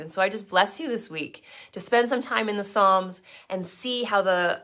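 Middle-aged woman pastor, low voice, gentle and unhurried, devotional reflection with scripture. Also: creaky. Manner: gentle, unhurried, with many fillers and restarts.

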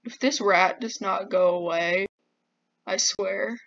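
Slow-talking flustered woman gamer. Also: medium pitch, vocal fry, fairly bright tone. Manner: jumpy, easily flustered, exclaims often. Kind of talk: game commentary. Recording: dull lo-fi mic.

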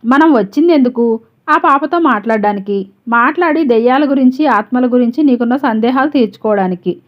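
A woman's voice: fairly high pitch, fairly quick, natural voice. A woman reading the lines of a worried young man who reasons earnestly with his friend, in a dull lo-fi recording. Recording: dull lo-fi audio.

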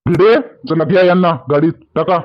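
A man's voice: fairly high pitch, fairly even intonation, a little fast, a little hiss or hum. A man with a Varhadi accent acting in a rustic village comedy sketch, talking emphatically and repeating himself. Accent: Varhadi Marathi. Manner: emphatic and repetitive, pleading. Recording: dull lo-fi sound.

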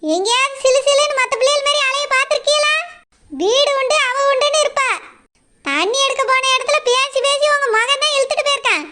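A woman's voice: very high-pitched, lively intonation, brisk. A woman as a stern village mother defending her daughter. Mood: indignant. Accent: Kanyakumari Tamil. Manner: stern, warning, indignant. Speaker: mother of the runaway girl.

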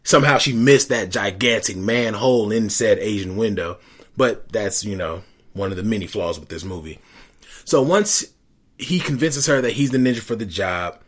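A man co-hosting a casual movie recap chat, joking and breaking into fast, excited rants. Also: fairly low pitch. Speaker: co-host of a movie recap show.

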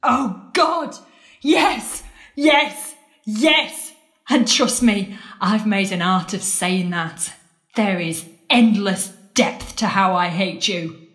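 Slow and medium-pitched with a slightly bright edge, an actress voices a bitter woman accusing her lost love in an audio drama. Her scorn comes through as sardonic anger, and the space around her is roomy and echoing.

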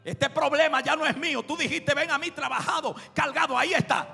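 A male pastor preaching a sermon with impassioned shouting and storytelling. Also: very high voice, fairly quick, vocal fry. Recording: reverberant hall with music behind.

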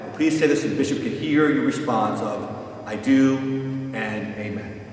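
A man's voice: fairly high pitch, far from the mic, a little hiss or hum. Older man explaining in an echoey church. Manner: calm, plain explaining with frequent restarts. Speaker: parish pastor. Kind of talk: instructional walkthrough. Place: large empty church. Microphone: far camera.

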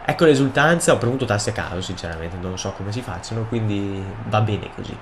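A young man with a cold and sore throat, casually commenting on his own football video game match and bursting into shouts at goals. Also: on the low side, fairly quick, noisy background. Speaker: gaming video host.

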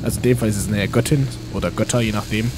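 A man's voice: lowish voice, steady tone, racing, noisy background. A man giving casual game commentary, rambling to himself and to the game's characters. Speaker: let's play host. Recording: game music behind the voice.

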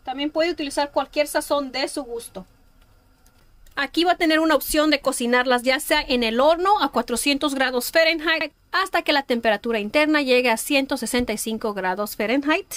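A woman's voice: high-pitched, fairly quick, no echo. A woman narrating a cooking tutorial voice-over in a homey, enthusiastic way. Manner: warm, homey, enthusiastic about the food. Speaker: cooking channel host.

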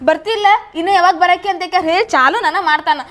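A woman's voice: very high voice, fast talker, fairly bright tone. A young woman, playing a coaxing, reassuring younger sister in a scripted comedy skit.

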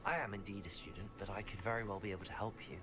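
A man voicing a polite young wizard student in game voice previews, pitch-shifted so it sounds robotic. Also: racing, sharp tone, faint music behind. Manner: polite, formal. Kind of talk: video game character voice preview.

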